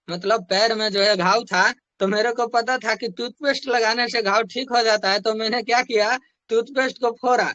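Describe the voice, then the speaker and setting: Young man, very high bright voice, motivational storytelling, repeats himself, dry close sound. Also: no room sound, dull audio. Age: young adult. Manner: conversational, repeats phrases for emphasis. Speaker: network marketing distributor.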